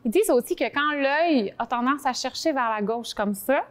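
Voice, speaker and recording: Higher-pitched Québécois woman, informal and rambling. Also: expressive, moderate pace. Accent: Québécois French. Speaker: talk show columnist. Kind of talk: conversational explainer to co-hosts.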